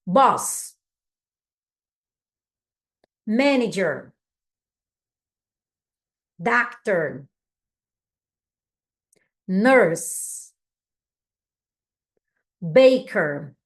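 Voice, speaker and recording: A native Portuguese-speaking woman teaching English vocabulary, drilling each word slowly for learners to repeat and checking in with them often. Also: mid-range voice, animated. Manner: slow, patient drilling of words for learners to repeat; casual and encouraging, with frequent check-ins.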